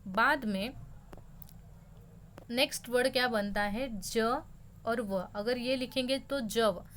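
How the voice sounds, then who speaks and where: A woman's voice: fairly high pitch, slow, a bit bright, a little hiss or hum. A young woman teaching a school lesson, explaining words patiently and slipping English terms into her talk.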